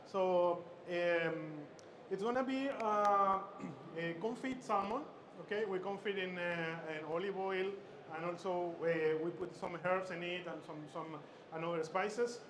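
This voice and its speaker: Chef instructor from Chile, male, raised pitch, stop-start cooking demo patter over loud expo noise. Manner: halting, many fillers and repeated words. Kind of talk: live cooking demonstration. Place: expo stage. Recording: noisy expo hall ambience.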